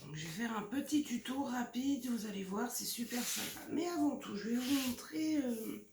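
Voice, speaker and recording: A scrapbooking vlogger in her home craft room shows off paper pads in a casual show-and-tell, her voice on the high side with lively intonation and normal speed. She gushes, says "franchement" and "regardez-moi ça" a lot, and sometimes drops to a whisper. The recording is noisy and distant in an echoey room.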